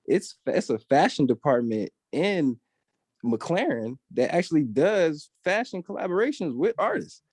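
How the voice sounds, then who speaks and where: A young man, a guest graphic artist, talking eagerly in a casual interview and slipping in quick quoted asides. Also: fairly high pitch, sing-song, a little mellow, slightly rough, no room sound.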